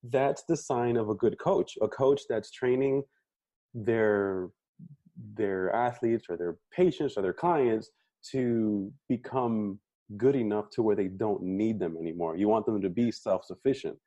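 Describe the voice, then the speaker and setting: A man's voice: lowish voice, unhurried, mellow, no echo, muffled recording. A man hosting a fitness podcast, chatting casually and affirming his guest, often repeating words as he thinks. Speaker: podcast host and coach. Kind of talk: casual interview chat.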